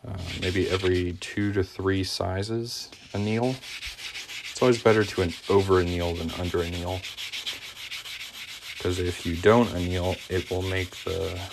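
Guy with a gravelly voice, chatty, answering comments on a live stream, shop noise behind. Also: sits low, steady tone, measured pace. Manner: chatty, answers viewer comments while working. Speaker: coin ring maker streaming live. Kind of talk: casual live-stream craft demo. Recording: noisy workshop live stream. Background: workshop tool noise, sanding and clicks.

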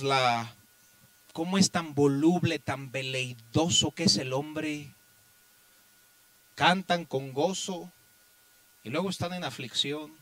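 Man, pastor, sermon, high voice, rhetorical questions, loud then hushed, dry sound. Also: no room sound, poor audio. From Mexico. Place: church.

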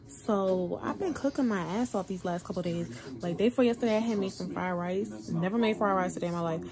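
A young woman tells a story straight to camera in a loose, profane, animated way, full of slang. Her voice sits at an ordinary middle pitch. Clear crowd chatter runs behind her. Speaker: vlogger.

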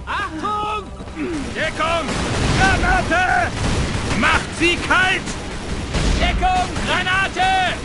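An actor playing an aggressive enemy soldier in a video game, shouting curt combat orders. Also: male voice, extremely high pitch, fairly even intonation, drawn-out words, pauses often, very noisy, exaggerated voice. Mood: aggressive, urgent. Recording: buried in game gunfire and music.

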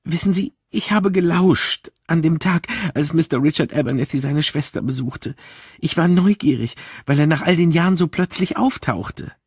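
A man's voice: moderate pace, husky, dry recording, clean studio sound. A man voicing a nervous, fussy middle-aged female companion who speaks in a raised voice, hesitant and confiding. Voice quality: raised, higher voice.

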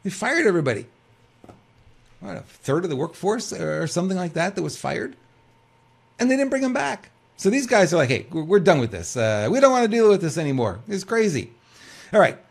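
Older male co-host, webcam news talk, slightly high voice, lively swooping delivery, rhetorical and casual. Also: a little fast, gravelly, breathy edge. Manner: animated, rhetorical questions, many restarts. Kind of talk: casual commentary and reading news aloud.

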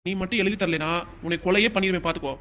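Performer doing a cartoon husband, southern Tamil Nadu accent, mid-pitched, fast, quarrelsome. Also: a bit bright, close to an everyday voice. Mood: furious. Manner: demanding, quarrelsome. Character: wronged, hot-tempered young husband. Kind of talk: cartoon comedy sketch acting.

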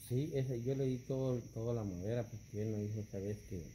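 A middle-aged man calmly explaining things while reacting to a video in a small indoor room, filmed close by a camera. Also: medium pitch, a little hiss or hum, rough recording. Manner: calm, explanatory, unhurried. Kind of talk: casual reaction chat.

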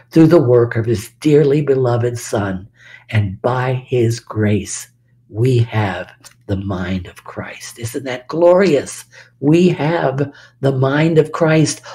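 Slow, mellow-voiced older man preaching. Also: mid-range voice. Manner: emphatic, lingers on key words, sometimes drops to a whisper. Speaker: Bible study teacher. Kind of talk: slow, deliberate sermon.

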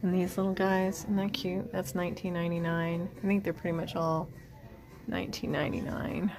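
A woman in her forties, a vintage reseller vlogger, narrates a casual shop-with-me video over music, half-murmuring prices to herself as she browses an antique mall and later sits in her parked car. Her voice is lowish and fairly even, a little fast, captured by a phone camera held at arm's length.

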